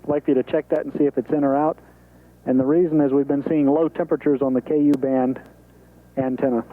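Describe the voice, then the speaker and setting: Speaking fast in a medium-pitched voice with fairly even intonation, this American mission control capsule communicator relays procedures by radio. His instructions are businesslike and clearly sequenced, and the phone-quality sound reflects a thin, band-limited space link.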